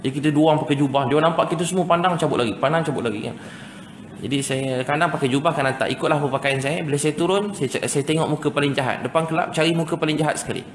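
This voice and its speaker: Brief: male Malaysian preacher, rapid storytelling sermon, roomy hall sound with faint background noise. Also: on the high side. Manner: storytelling, acts out family voices. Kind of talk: sermon with anecdotes. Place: mosque lecture hall.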